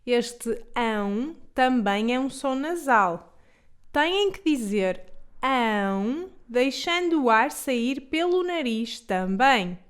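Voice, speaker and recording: A woman with a European Portuguese accent teaching pronunciation, saying model words slowly and carefully for students to repeat. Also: fairly high pitch, clear, resonant tone. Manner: slow, carefully enunciated model words for repetition. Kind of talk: pronunciation lesson.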